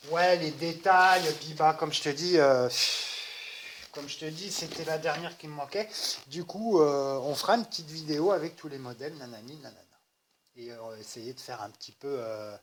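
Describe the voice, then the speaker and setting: Guy unboxing a toy, jokey and rambling, talks right at you, clear hiss behind. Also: fairly high pitch, normal speed. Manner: joking, rambling, talks straight to the viewer. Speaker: RC hobby channel host. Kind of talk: casual unboxing chat to viewers. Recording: noisy home recording.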